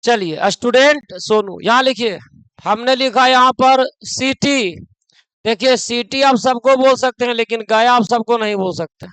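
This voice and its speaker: A male grammar teacher lectures his class in a very high, smooth, clear voice. He breaks off to scold his students in local dialect. The sound is dry and close. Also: a little slow, fairly bright tone, no room sound, low-quality recording.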